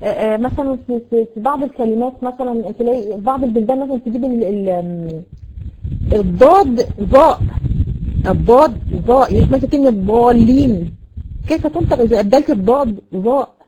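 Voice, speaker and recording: A woman with an Egyptian Arabic accent teaches a Quran recitation lesson, explaining with many fillers and repeatedly questioning her students. Her voice is fairly high and mellow, and she speaks at a racing pace. The recording is dull, lo-fi and noisy.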